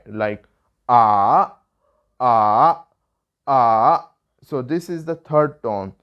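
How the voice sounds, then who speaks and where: Slow, clear-voiced Indian male tutor. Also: medium pitch. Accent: Indian English. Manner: patient, explains step by step, demonstrates sounds. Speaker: language tutor. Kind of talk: online language lesson.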